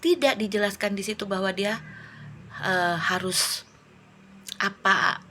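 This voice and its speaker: A woman's voice: mid-range voice, measured pace, pushed and bright, a little hiss or hum. A woman talking casually as a host, reviewing a film with religious reflection, often searching for words and restarting her sentences.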